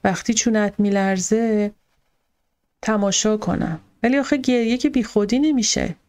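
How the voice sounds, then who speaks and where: A woman reading the lines of a young carpenter husband who coaxes and gently teases his upset wife, in a Persian audiobook. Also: medium pitch, close to an everyday voice. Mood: teasing. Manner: coaxing, gently teasing.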